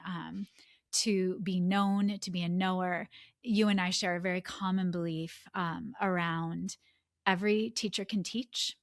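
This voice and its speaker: A woman's voice: lowish voice, gravelly, no echo, studio quality. A woman hosting an education podcast, affirming her guests and asking open questions. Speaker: podcast host. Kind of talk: interview hosting.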